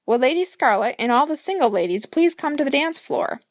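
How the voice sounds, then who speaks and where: A woman's voice: sits high, animated, fairly quick, no room sound, clean studio sound, voice pushed up. A woman voicing a bouncy male court jester in an audiobook, announcing in a showy, raised voice.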